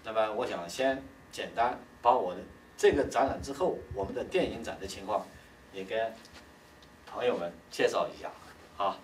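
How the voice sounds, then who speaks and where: A man, a film director, giving halting, informal remarks at an exhibition, with frequent fillers and pauses. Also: lowish voice, lively intonation, slight background noise. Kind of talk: casual on-site remarks. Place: large indoor exhibition hall. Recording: echoey hall from far off.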